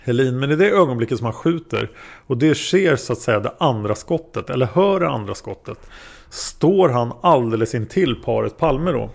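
A man's voice: mid-range voice, animated, vocal fry. A man voicing a male prosecutor who questions a witness step by step, in a methodical way. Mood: probing.

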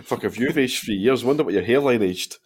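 This mid-range, slightly rough voice belongs to a Scottish man in his 30s who hosts a laid-back football podcast. His intonation is lively as he trades banter, laughs readily, and reads listener questions aloud.

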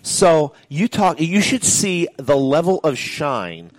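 A man working as a real estate agent, giving an upbeat, salesy property pitch on a radio show and listing features. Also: big pitch swings, slow pace, faint music behind.

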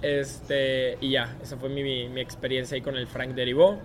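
A man's voice: mid-range voice, flat delivery, moderate pace, a little hiss or hum. A young man with a Mexican Spanish accent, a guest telling a story in a casual interview and acting out other people's lines as he goes.

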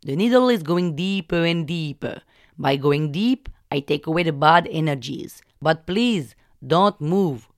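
A woman voicing a calm, insistent male acupuncture healer who speaks slowly and solemnly, repeating his warnings. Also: deep voice, no echo, studio quality.

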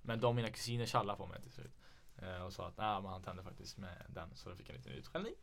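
Low-voiced young man telling stories. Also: creaky, fairly bright tone. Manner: laid-back storytelling with frequent swearing. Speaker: podcast host. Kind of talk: casual chat.

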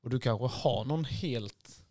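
A man's voice: mid-range voice, mellow, no room sound. A man hosting a casual podcast, asking questions and dropping short, dry quips. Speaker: podcast host.

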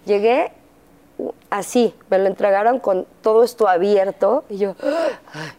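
A woman's voice: mid-range voice, moderate pace, mellow. A woman with a Mexican accent, an interview guest candidly recounting her personal story and acting out the dialogue, with frequent fillers. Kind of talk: personal testimony in conversation.

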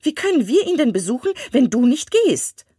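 A fussy, excitable mother pushes her husband in shrill, breathless bursts, as a woman reads her in an audiobook. Her voice leaps high and swoops widely, with a husky grain. The recording is dry and close. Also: moderate pace, dry recording, exaggerated voice. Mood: excited, insistent. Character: fussy excitable middle-aged mother, matchmaking. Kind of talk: audiobook reading.

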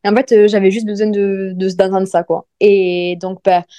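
A woman in her thirties telling her own pregnancy story in casual podcast chat, talking with many fillers and lively retelling. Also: mid-range voice, normal speed, dry recording.

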